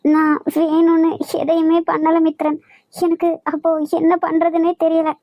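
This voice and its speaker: A woman's voice: extremely high pitch, completely flat delivery, a little slow, no echo, lo-fi sound. A woman voicing an anxious young wife who pleads tearfully with her husband in a cartoon love story. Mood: pleading.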